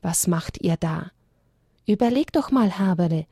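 A woman's voice: lowish voice, animated, a little slow, husky, dry recording, clean studio sound, exaggerated voice. A woman voicing a bold, cheeky young male animal in a children's story. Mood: bold, calling out. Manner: cheeky, loud-spoken.

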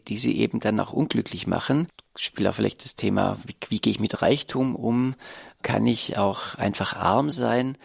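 A man hosting a radio talk show who speaks in a calm, measured way and invites listeners to call in. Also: fairly low pitch, gravelly, dry recording, studio quality. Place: radio studio.

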